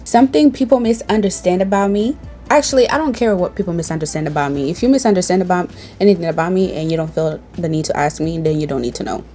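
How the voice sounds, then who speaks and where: Sassy, playful woman vlogger, lowish voice. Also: quick pace, warm tone, soft background music. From Tanzania. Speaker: beauty vlogger. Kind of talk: casual sit-down chat to camera. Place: indoors at home, reading from a tablet.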